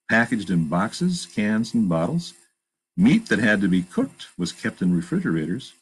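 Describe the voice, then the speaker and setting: Reading a picture book to children, a man with a husky, lowish voice gives the story plenty of expression and adds plain asides about what the pictures show. The recording quality is rough.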